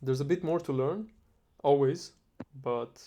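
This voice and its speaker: A man from Iran in a casual chat, relaxed and rambling, swearing often. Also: medium pitch, a little slow.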